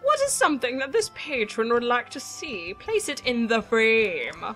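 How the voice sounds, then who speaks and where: A woman's voice: a little high, very animated, normal speed, a bit bright, soft background music. A woman co-hosting a let's play, chatting casually and playfully reading game prompts aloud. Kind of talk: casual gameplay chat.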